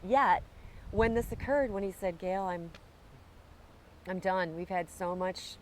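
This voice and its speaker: An animated woman guest swearing freely in loose conversation. she sounds outdoors, with a faint hiss of noise under the voice. her pitch sits at an ordinary middle level. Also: takes it slowly, rough recording. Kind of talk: casual spiritual conversation. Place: outdoors in Hawaiian upcountry.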